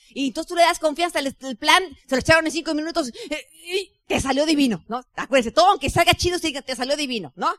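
A woman with a Mexican accent giving a motivational business talk as a team leader, chatty and lively, often imitating other people's voices. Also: high voice, dry recording, clean studio sound. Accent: Mexican Spanish. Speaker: network marketing team leader.

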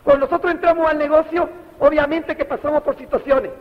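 A man's voice: very high voice, steady tone, fairly quick. A middle-aged man, giving a motivational speech and putting rhetorical questions straight to the audience. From Panama. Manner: preachy, addresses the audience directly with rhetorical questions. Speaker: motivational speaker. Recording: dull, echoey hall recording.

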